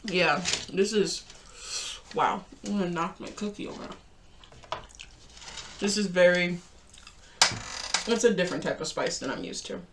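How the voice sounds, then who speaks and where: A woman's voice: on the low side, measured pace, pauses often, background noise. Chatty woman vlogger eating spicy food. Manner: chatty, laughs often while eating. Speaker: host. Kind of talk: casual reaction chat.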